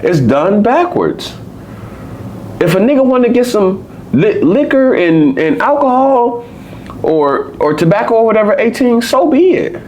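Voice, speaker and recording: A man's voice: high voice, unhurried, slight background noise. American guy cohosting, rambly and cussing, voice jumps up and down a lot. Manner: animated, profane, rambling. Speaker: podcast co-host. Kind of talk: casual conversation.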